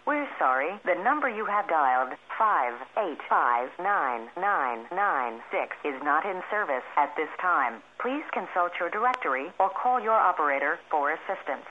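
A woman's voice: sits low, very animated. A woman reading a formal recorded phone message, heard over a telephone line. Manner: measured, formal announcement. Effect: recorded intercept message played over a phone line. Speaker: telephone intercept announcer. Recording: tinny phone line with clear hiss.

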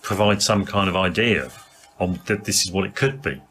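A man's voice: low voice, normal speed, a bit bright. A man co-hosting a casual podcast, explaining things steadily and saying "there we go" a lot. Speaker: podcast co-host. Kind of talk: casual chat.

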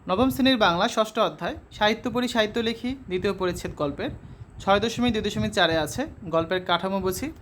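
High-voiced man teaching a class lesson. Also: fairly bright tone, a little hiss or hum. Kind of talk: reading a textbook story aloud for a lesson.

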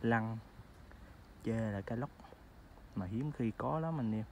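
A man narrating a casual food vlog outdoors by a stream, chatting to his viewers as family with excited exclamations. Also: fairly low pitch, slow, slight background noise. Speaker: food vlogger.

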